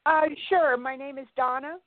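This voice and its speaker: A woman's voice: sits high, steady tone, no echo. Hesitant woman caller on a tinny phone line. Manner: hesitant, unsure, halting. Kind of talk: phone call to radio show.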